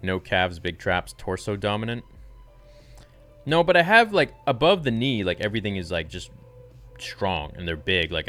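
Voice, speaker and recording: Guy, 20s, fitness host, very deep voice, laid-back live Q&A. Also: fairly bright tone. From Canada. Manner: casual, laid-back, reads viewer questions aloud then answers. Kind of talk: live-stream Q&A chat.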